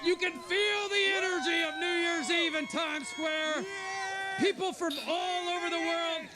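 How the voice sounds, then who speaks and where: A woman reporting live outdoors in a packed square, excitable and often shouting. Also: very high voice, measured pace. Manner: excitable, shouting over crowd. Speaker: street reporter. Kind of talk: live TV street interview. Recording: loud crowd and noise, live broadcast.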